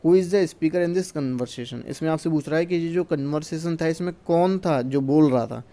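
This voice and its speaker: A teacher from India works through exam questions, reading the English slowly and then explaining each in Hindi. His voice is a little high with a dark tone.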